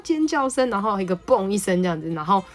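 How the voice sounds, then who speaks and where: A woman psychologist, telling a family story and reading a picture book aloud in a lively, laughing way. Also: mid-range voice, fast talker, soft background music. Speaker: psychologist podcast host.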